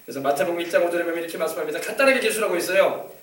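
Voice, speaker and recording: High-voiced pastor preaching in an echoey hall. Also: male voice, racing, fairly bright tone, recorded from a distance. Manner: acts out quoted dialogue, exclaims hallelujah often. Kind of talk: sermon. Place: church sanctuary.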